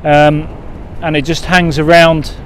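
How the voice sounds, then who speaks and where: A man in his forties vlogging as he sea-fishes from a windy harbour wall, rambling with many fillers and excited when he gets a bite. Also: fairly high pitch, measured pace. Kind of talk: casual outdoor vlogging. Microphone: action camera at arm's length.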